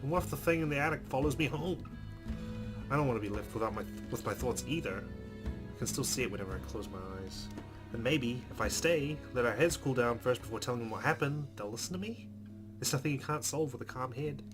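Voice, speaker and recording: Over game music featuring guitar, a man talks fast in a medium-pitched voice while hosting a let's play. He reads the visual novel's narration with expression and breaks off for casual, chatty comments.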